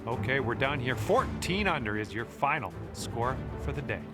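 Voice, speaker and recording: A man playing a calm golf commentator in a video game, encouraging the player directly. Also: medium pitch, normal speed, close to an everyday voice. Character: friendly adult male golf announcer. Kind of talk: scripted golf play-by-play. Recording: game audio with music and crowd. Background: music and crowd noise.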